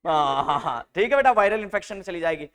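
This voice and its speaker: A man teaching a live nursing class to a room of students, lively and teasing, mixing English medical terms into his speech. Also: high-pitched, fast talker. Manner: animated, teasing, mixes Hindi with English terms.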